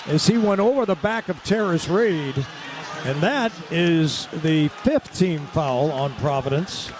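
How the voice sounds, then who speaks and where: An American man delivers live radio play-by-play for a basketball game in short, present-tense phrases, with clear crowd and arena noise around him. His voice is a little high, with lively intonation and a slightly slow pace.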